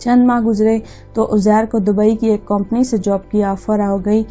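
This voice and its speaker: A woman telling a storybook tale in a mellow, dark voice, with an even, measured delivery. Faint music plays beneath her reading. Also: mid-range voice. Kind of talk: scripted narration.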